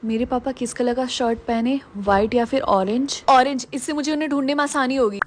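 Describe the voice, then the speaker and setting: A woman playing a fast-talking eager young daughter. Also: sits high, noisy background, close to an everyday voice. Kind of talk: web skit acting.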